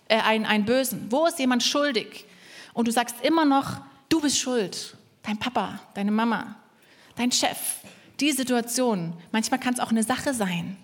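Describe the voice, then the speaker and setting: High-voiced woman preaching in an echoing hall. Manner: lively, acts out voices in quotes, jokes with congregation. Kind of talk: sermon. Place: church hall. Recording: church hall reverb.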